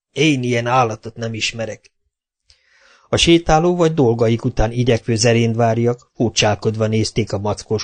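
A man reading a children's storybook aloud in a lively, expressive narration. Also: mid-range voice. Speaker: audiobook reader.

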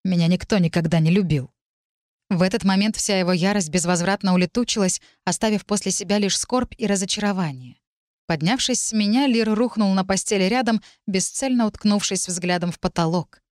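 A woman narrating a novel in the first person, in an even storytelling manner. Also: mid-range voice, fairly quick, no echo, studio quality. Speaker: audiobook narrator.

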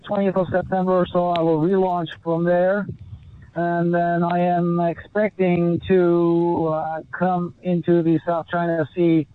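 A man speaking over a satellite phone line with delay, an ocean rower being interviewed from his boat, talking in a halting way with many fillers and restarts. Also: sits high. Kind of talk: remote interview guest. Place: small rowing boat out at sea. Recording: tinny satellite phone line relayed through a video call.

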